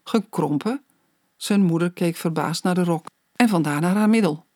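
An audiobook narrator reading a children's story aloud in a slow, measured way. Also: medium pitch, darkish tone, no room sound, studio quality.

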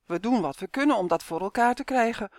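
A woman's voice: a little high, lively intonation, fast talker, a little mellow, no echo, voice pushed up, lightly acted. An earnest, loyal young boy with a raised, urgent voice, as a woman reads him. He speaks pleadingly to his friend in a storybook reading, in dry, close sound. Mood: comforting.

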